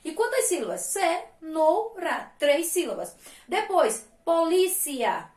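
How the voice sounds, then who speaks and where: A woman's voice: high-pitched, animated, moderate pace, roomy sound. A woman teaching a remote class to young children, patient and sing-song, stretching words out syllable by syllable. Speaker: primary school teacher.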